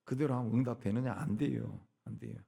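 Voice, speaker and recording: An older man, a pastor, preaching a folksy, animated sermon and acting out prayers. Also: medium pitch, fairly quick, creaky, slightly rough.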